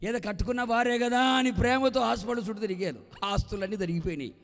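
A man preaching as a pastor, telling a story in an animated way that rises to fervent shouting. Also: sits high, quick pace, vocal fry. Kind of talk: storytelling sermon. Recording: echoey live hall reverb.

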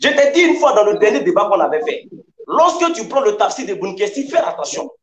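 Combative high-voiced man, echoey sound. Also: big pitch swings, a little fast, slight background noise. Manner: combative, emphatic, repeats his points. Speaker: debater. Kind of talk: heated debate.

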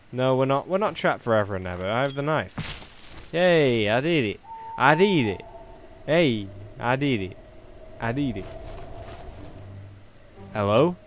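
Chatty man doing game commentary. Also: medium pitch. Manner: chatty, self-talking, jokey. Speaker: gaming youtuber. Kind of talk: let's play commentary.

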